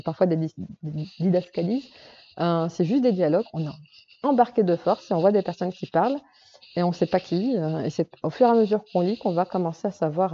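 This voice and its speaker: Rather low, very mellow and warm, a woman author talking craft, casual and halting with many fillers. The sound is dull and lo-fi. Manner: hesitant, full of fillers and restarts. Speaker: novelist speaking to a workshop group. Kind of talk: casual talk on writing craft.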